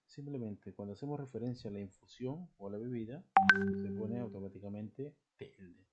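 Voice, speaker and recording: A man's voice: fairly low pitch, normal speed, muffled recording, heavy background noise. A man teaching a recorded language lesson, explaining patiently and checking in with short rhetorical questions.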